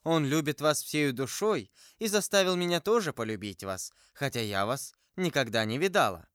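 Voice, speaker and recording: An earnest, trusting young novice speaks eagerly and with feeling, as a male narrator puts her on, her voice pitched up and lively. The delivery is clear and smooth, and the audiobook recording is dry. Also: moderate pace, no room sound. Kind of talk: audiobook character voice.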